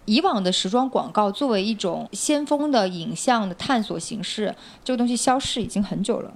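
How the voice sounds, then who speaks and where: A woman's voice: mid-range voice, lively intonation, brisk. A woman in a casual discussion, giving her own opinions in a reflective, conversational way.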